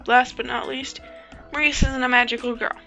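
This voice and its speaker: Woman voicing a sweet earnest girl, calls herself by her own name, bright with a little fry. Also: fairly high pitch, little pitch movement, moderate pace, faint music behind. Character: shy sincere girl friend who speaks of herself in third person.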